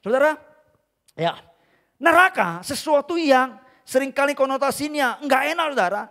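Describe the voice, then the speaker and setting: A male pastor preaching an emphatic sermon at a church service, swinging between loud bursts and quiet asides and calling out to the congregation often. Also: very high-pitched, lively intonation, normal speed. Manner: addresses the congregation again and again as brothers and sisters.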